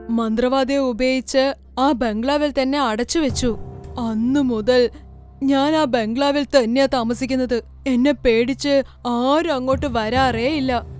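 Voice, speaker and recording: A woman's voice: high voice, darkish tone. Woman putting on a menacing male ghost.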